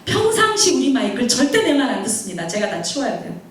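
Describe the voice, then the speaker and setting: A woman missionary delivers a sermon, weaving in personal stories and slipping into the voices of the people she quotes. Her voice sits high and lively. It rings through a large echoing hall, picked up from well away from the microphone. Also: fast. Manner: animated, acts out quoted voices. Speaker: missionary preacher. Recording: very echoey hall, mic far off.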